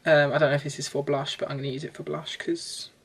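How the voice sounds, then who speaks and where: A young woman doing a chatty, self-deprecating makeup vlog in her bedroom, sometimes breaking into excited squeals. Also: low-pitched, fast, gravelly, noisy background. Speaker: beauty vlogger. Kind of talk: chatty get-ready-with-me vlog.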